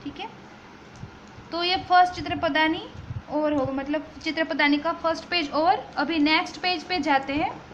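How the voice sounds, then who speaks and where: A woman's voice: very high-pitched, steady tone, normal speed. A woman teacher, patiently explaining vocabulary and spelling words out letter by letter. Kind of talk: classroom vocabulary lesson. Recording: slightly dull lo-fi recording with faint background noise.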